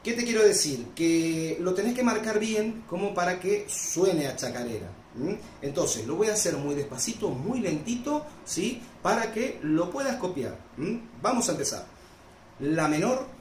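A man's voice: high-pitched, animated, normal speed, a little mellow, reverberant, a little hiss or hum. A man with an Argentine accent teaching a folk guitar piece in a casual tutorial, patiently checking in with the viewer after each step. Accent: Argentine Spanish.

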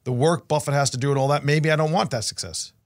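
A man hosting a podcast, chatting with his guest in a friendly, brisk way. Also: on the high side. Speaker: podcast host. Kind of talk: casual interview.

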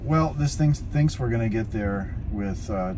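A middle-aged man chatting casually in a car, giving brief, quiet replies. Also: on the low side, lively intonation, unhurried, noisy background. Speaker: guest driver. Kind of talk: casual chat. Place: inside a car.

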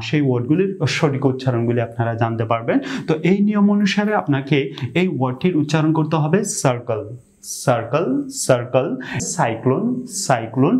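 A man with a Bangladeshi accent giving an explanatory online lesson on English pronunciation, often pausing with "ah" and repeating example words slowly. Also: medium pitch, darkish tone.

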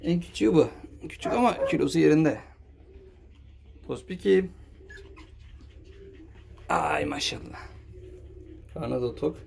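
A man's voice: animated, takes it slowly, vocal fry, long pauses. A man filming his puppies at home, talking to them in affectionate, cooing baby talk. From Turkey. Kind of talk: casual vlog narration. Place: indoors with a litter of puppies. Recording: loud background noise, dogs yapping. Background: puppies yapping and squeaking.

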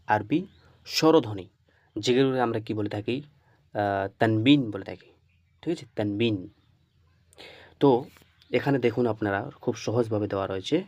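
Male teacher, lowish voice, dry close recording, checks in with "okay?" a lot. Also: no echo. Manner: asks questions and answers them himself; repeats checks like "okay?" often. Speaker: Arabic reading teacher. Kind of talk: screen-share lesson.

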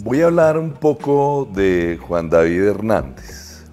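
A man, a theatre teaching artist, explaining his workshop in a measured way. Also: on the low side, sing-song. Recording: soft music underneath.

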